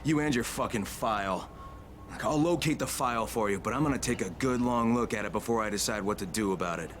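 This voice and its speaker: An actor playing a gruff, defiant undercover operative in a video game, casual and plainspoken. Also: male voice, medium pitch, a little fast, noisy background, close to an everyday voice. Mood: defiant, angry.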